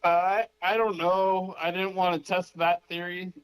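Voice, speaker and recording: A relaxed man speaks as a guest on a casual call-in interview. His voice sits a little high, and he explains things in plain, easygoing terms. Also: measured pace, clean tone, low-quality recording.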